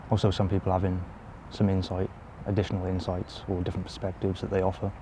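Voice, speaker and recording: Young man, twenties, very low flat voice, reflective, muffled, hum behind. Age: 20s. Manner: slow, reflective, quiet. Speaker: care leaver. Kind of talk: interview to camera.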